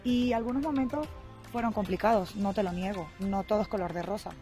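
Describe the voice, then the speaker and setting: Standing in a city park with a handheld mic, a young Venezuelan woman gives relaxed answers as a guest in a street interview. She speaks with a Venezuelan Spanish accent in a warm, mid-range voice, thoughtful, measured and earnest, over soft background music.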